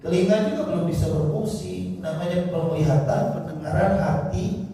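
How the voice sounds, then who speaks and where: A man's voice: sits high, moderate pace, vocal fry, slight background noise. A man with an Indonesian accent giving a storytelling sermon in a mosque, acting out conversations as he teaches. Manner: storytelling, animated, acts out dialogue and a baby's cries. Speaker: preacher. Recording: echoey hall, distant mic.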